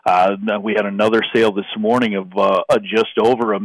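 A man speaking over the phone as a grain market analyst in a radio interview, halting with many fillers. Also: lowish voice, steady tone, dry recording, rough recording. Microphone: telephone.

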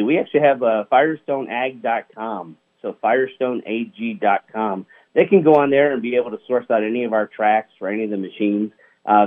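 A man talking on the phone as an interview guest, upbeat and leaning on "you know" fillers. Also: fairly low pitch. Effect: over the phone. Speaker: product manager guest. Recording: tinny phone line.

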